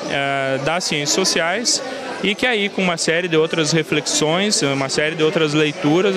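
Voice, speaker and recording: A man in his thirties, an academic author, answering hesitantly with many fillers into a handheld mic outdoors. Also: high-pitched. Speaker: book author interviewed. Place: outdoors at a book fair. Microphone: handheld reporter mic. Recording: crowd noise behind.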